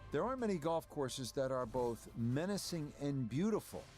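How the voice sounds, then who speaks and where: A man working as a golf commentator, calling play in a measured broadcast style for a video game. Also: mid-range voice, big pitch swings, a little mellow, soft background music, natural voice. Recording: crowd noise behind the voice. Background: golf crowd.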